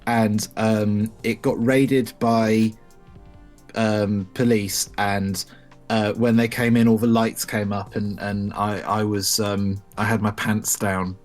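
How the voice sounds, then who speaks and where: A man's voice: lowish voice, flat delivery, slow, faint music behind. A young man from the UK, a podcast co-host, telling rambling, profane anecdotes in casual chat, with many restarts.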